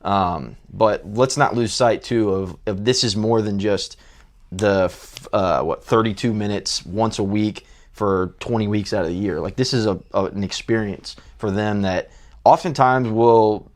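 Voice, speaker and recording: Earnest low-voiced male basketball coach. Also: a little slow. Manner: earnest, lots of fillers and restarts. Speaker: high school basketball coach. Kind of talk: interview answers.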